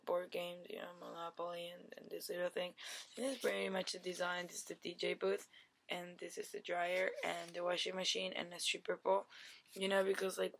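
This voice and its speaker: A woman in her twenties giving a deadpan comic pitch on a webcam in a dim bedroom, rambling with lots of "like" and "you know". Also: vocal fry. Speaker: vlogger. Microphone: webcam at desk.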